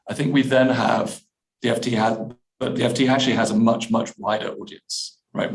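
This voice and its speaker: Male editor, low gravelly tone, hesitant Q&A answers. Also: rough recording. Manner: hesitant, many restarts and fillers. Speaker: app editor answering questions. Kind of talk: webinar Q&A.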